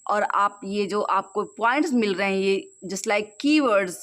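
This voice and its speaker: A young woman talks through an English lesson at an unhurried pace. She switches between Hindi and English and reads English lines slowly aloud. Her voice sits at a middling pitch. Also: a bit bright. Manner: Hindi-English mix, slows down to read English aloud. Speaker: English teacher. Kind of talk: screen-recorded tutorial.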